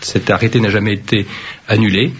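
A man who serves as a mayor, answering interview questions firmly and deliberately, with frequent hesitations. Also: lowish voice, flat delivery, slight background noise. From Vietnam. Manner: firm, measured, with frequent hesitations. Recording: dull lo-fi radio recording.

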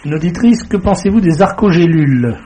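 A man's voice: on the high side, expressive, fairly quick, warm tone. A man hosting a radio interview, asking listener questions in a teasing, joking way. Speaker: radio host. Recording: noisy radio broadcast.

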